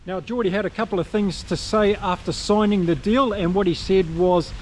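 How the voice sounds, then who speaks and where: This rugby vlogger, a New Zealander, talks to his viewers in a casual, upbeat solo commentary. He has a high-pitched voice, fairly even intonation, and a moderate pace, with a faint hiss or hum underneath.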